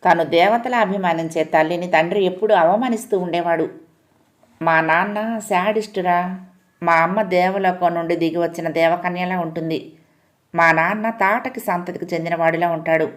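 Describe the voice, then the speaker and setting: A woman storyteller reads a long tale aloud in a calm, measured way. Her voice sits a little lower than most women's. She gives each character's words a light touch but stays close to her own voice. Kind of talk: audiobook-style story narration.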